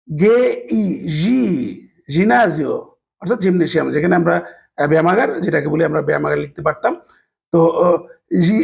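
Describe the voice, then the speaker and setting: A man teaching a language lesson, slowly spelling out letters and sounds with many hesitations. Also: sits high, gravelly, darkish tone, breathy edge. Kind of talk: explanatory lesson.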